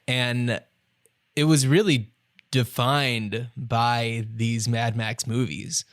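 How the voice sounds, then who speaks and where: A man's voice: medium pitch, steady tone, extremely slow. A man co-hosting a podcast, chatting in an easygoing, agreeable way with frequent fillers. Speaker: podcast co-host. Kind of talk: casual chat.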